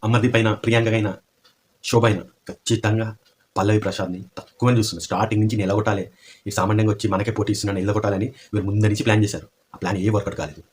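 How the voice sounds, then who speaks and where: A man's voice: fairly low pitch, fairly even intonation, racing. A man giving opinionated commentary, asking pointed rhetorical questions.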